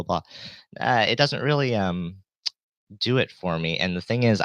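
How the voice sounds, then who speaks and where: A man with a deep yet bright voice explains things live in a rambling way. He hesitates, trails off and restarts his thoughts. The sound is dry, with a light low-pass filter on the voice. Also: no room sound. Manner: hesitant, trailing off, self-interrupting. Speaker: live streamer and synth tutor.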